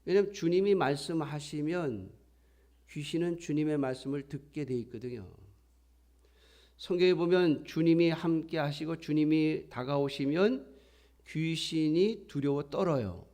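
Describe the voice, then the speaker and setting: Fairly high-voiced man preaching a sermon. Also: a little slow, warm tone. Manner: conversational preaching, acts out quoted voices. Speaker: pastor.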